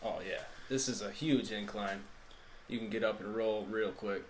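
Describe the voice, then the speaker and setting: A man's voice: fairly low pitch, steady tone, moderate pace, slight background noise. A man who plays on the card, chatting casually with short, laid-back replies outdoors on the course. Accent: Michigan. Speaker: tournament player. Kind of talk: casual chat. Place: outdoor disc golf course.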